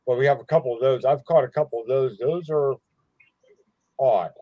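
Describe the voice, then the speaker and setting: A man's voice: mid-range voice, normal speed, no echo, phone-quality sound. A man from southwestern Pennsylvania, explaining things casually in a live group chat.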